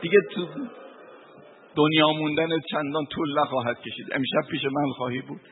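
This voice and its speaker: A man's voice: a little high, steady tone, a little hiss or hum. A man delivering a mournful sermon, telling a grieving story and reciting Arabic passages. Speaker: preacher. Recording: tinny phone-like broadcast.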